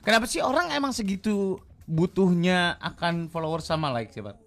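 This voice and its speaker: A man's voice: sits high, expressive, moderate pace, a bit bright. A man co-hosting a radio show in a studio, teasing and asking questions in casual banter. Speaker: radio co-host.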